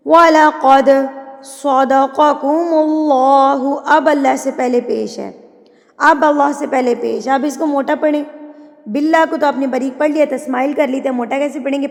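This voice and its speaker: A woman teaching Quran recitation, chanting words slowly and then explaining patiently with repeated corrections. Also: high-pitched, vocal fry, big-room sound. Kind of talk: online tajweed lesson, explaining between recited words.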